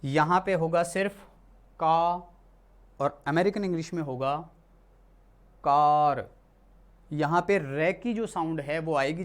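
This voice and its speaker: Teacher from India, mid-pitched, talks through a lesson patiently, restating and correcting as they go. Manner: explains patiently, repeats and corrects itself often. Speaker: English teacher. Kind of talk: classroom lesson explained in Hindi.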